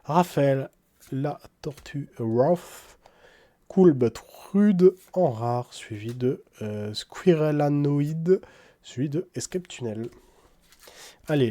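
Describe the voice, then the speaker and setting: A man's voice: medium pitch, warm tone. A man opening trading card packs in casual commentary, reading English card names aloud in a French accent with wry asides.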